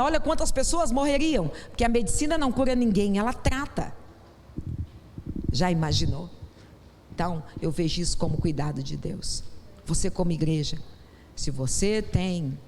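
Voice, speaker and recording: A woman with a Brazilian Portuguese accent preaches a sermon in a church sanctuary, telling her own testimony with impassioned, rising exclamations. Her voice is on the low side and a little mellow. The audio carries long church hall reverb and faint noise.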